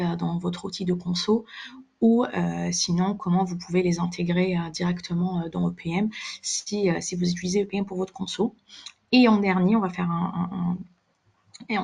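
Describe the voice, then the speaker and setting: Presenting a software demo in a webinar, a woman speaks haltingly and often repeats words. Her voice sits on the low side, creaky with a breathy edge.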